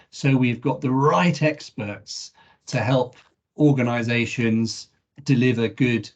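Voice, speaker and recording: A man, the head of the institute, giving measured, reflective remarks on a webinar with small restarts. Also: mid-range voice, darkish tone, dull audio. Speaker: chief executive of the host institute. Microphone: video call.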